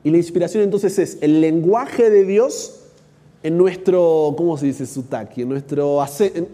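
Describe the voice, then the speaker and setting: Argentine man, teacher, rhetorical questions, mellow tone, high voice. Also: a little slow. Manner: asks the audience rhetorical questions. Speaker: Bible workshop teacher. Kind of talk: teaching a workshop talk. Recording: long hall reverb.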